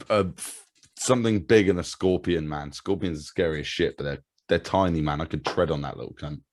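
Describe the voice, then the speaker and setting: Sweary, animated deep-voiced English man. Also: normal speed, creaky. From England. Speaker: comedian guest. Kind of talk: casual comedic chat.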